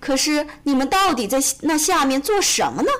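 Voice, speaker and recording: A woman's voice: a little high, huge pitch swings, moderate pace, soft background music. A woman voicing an anxious, worried hare in a children's storybook.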